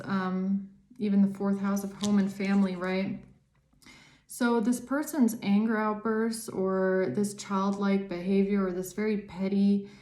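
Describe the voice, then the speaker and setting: A woman's voice: mid-range voice, dark tone. A woman giving a casual tarot reading to camera, talking earnestly and rambling, often repeating words for emphasis. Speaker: tarot reader and psychic channeller. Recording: roomy echo.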